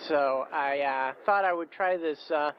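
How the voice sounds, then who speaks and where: A man's voice: fairly high pitch, unhurried, close to an everyday voice. An actor playing an awkward, nerdy male healer superhero who speaks hesitantly, with many "uh"s in a recorded interview. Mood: halting. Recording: dull tape with faint hiss.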